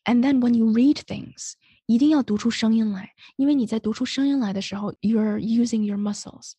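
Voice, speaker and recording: A woman teaching English pronunciation in Mandarin, switching into English and modeling words slowly. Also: a little high, warm tone, husky, no echo. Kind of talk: bilingual pronunciation lesson.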